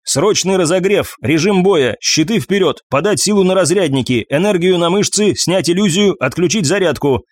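A man's voice: sits high, expressive, normal speed, few pauses, dry recording, studio quality, voice pushed up. A man voicing a focused female tank operator in battle, rattling off clipped commands. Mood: urgent.

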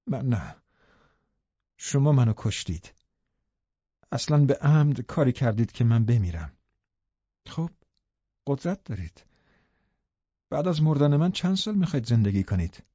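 A man voicing a dying young woman, soft-spoken and reproachful, with a dull, dry audiobook sound. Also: mid-range voice, husky, no room sound.

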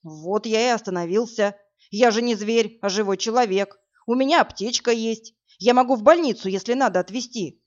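A big, brash young man talks loudly and casually in slang, put on by a woman reading an audiobook. The voice sits at a middle height. The recording is dull and lo-fi. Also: on the high side, moderate pace, lightly acted. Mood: concerned. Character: burly brash young man, rough but kind.

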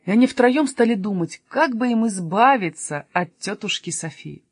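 Expressive woman reading a storybook. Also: mid-range voice, normal speed, slightly rough, no echo, studio quality. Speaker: narrator. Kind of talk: storybook narration.

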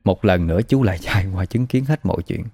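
Low mellow southern vietnamese storyteller. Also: male voice, fast talker. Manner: conversational, gossipy retelling. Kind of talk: spooky folk story narration.

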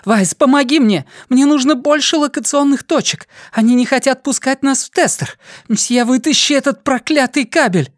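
A man voicing panicked spaceship crew members yelling frantic orders in the middle of a battle. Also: extremely high pitch, moderate pace, hardly any pauses, no room sound, clean studio sound, voice pushed up. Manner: frantic shouting.

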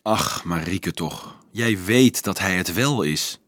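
A man's voice: deep voice, expressive, slow, a bit bright, no room sound, clean studio sound, heavily acted. Man voicing a trembling, stern young priest.

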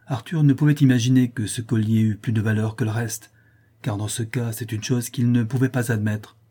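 A man's voice: medium pitch, steady tone, a little fast, mellow, slightly rough, natural voice. A man reading an audiobook who voices an earnest, anxious young woman who speaks hesitantly and explains herself. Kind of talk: audiobook character voice.

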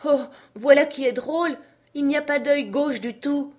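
A high, loud voice for a jumpy old male servant up a tree, exclaiming and pleading by turns, as a woman reading a storybook puts him on. He sounds chatty and easily frightened. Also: moderate pace, close to an everyday voice. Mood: alarmed.

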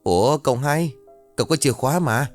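A man's voice: medium pitch, lively intonation, a little fast, faint music behind, pitched above the performer's own voice, lightly acted. A man voicing a bored young nephew who speaks politely and pleads with his elders. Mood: pleading.

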